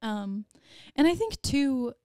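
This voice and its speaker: A woman's voice: high-pitched, very animated, slow, a little mellow, clear, resonant tone, dry recording, studio quality. Giggly, rambling pregnant young woman. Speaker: podcast co-host. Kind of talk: casual chat.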